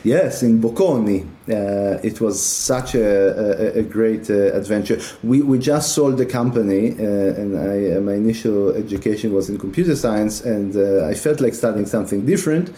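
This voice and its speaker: A middle-aged man from Israel speaks in a mellow, warm tone. He talks casually as a guest, stopping often with fillers and restarts. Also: on the low side, normal speed, hardly any pauses. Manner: many hesitations and filler sounds. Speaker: guest, tech company executive. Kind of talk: casual interview talk.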